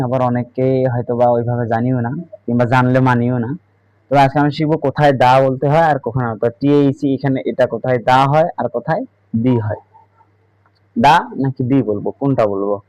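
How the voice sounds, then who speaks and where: A man teaching an English grammar lesson, slow and deliberate, who keeps asking the viewer questions. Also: mid-range voice, a little mellow, dry recording. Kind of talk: classroom-style grammar lesson. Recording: dull, dry sound.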